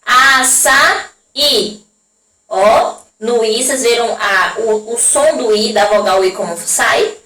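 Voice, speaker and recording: Brazilian woman, primary teacher, patient lesson voice, stretches out words, echoey room, voice from a distance. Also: fairly high pitch. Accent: Brazilian Portuguese. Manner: slow, drawn-out pronunciation of example words; frequent checking tags to the class. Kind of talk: recorded classroom lesson for young children.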